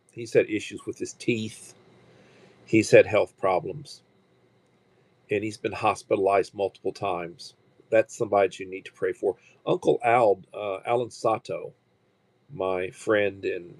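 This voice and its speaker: On the low side with some vocal fry, a man in his sixties hosts a relaxed livestream, captured in a dry recording. He wanders as he talks, halting, restarting again and again, and using fillers.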